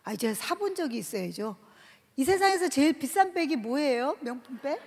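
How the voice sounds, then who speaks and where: A woman, a company president, telling her faith testimony in a lively storytelling way and acting out the voices of others. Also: high voice, a little fast, slight background noise. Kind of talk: church testimony talk. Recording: reverberant large hall.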